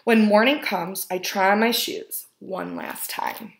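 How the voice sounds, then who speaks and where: A woman reading a children's picture book aloud as a storyteller, expressively and with deliberate emphasis on key words. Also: mid-range voice, huge pitch swings. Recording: roomy, echoing indoor sound.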